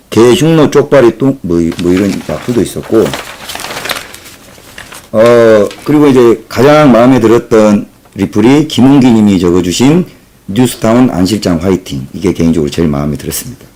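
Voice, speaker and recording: A man from Jeolla in South Korea who hosts his own channel, reading out viewer comments and giving emphatic political commentary. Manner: opinionated, emphatic, lively pitch swings. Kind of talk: casual commentary.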